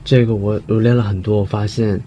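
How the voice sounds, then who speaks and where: A man's voice: lowish voice, flat delivery, a little fast, dark tone, muffled recording, a little hiss or hum. A man practicing pronunciation as a student, earnestly and carefully repeating each word after his coach.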